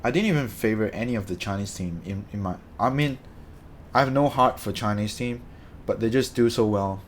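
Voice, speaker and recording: This young man from Malaysia speaks fairly quickly in a voice on the low side, answering viewers on his stream in a loose, rambling manner and correcting himself along the way. A little hiss or hum is present.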